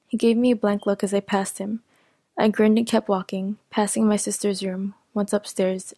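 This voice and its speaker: A woman narrating a first-person audio story in an even, steady reading voice. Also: mid-range voice, dry recording.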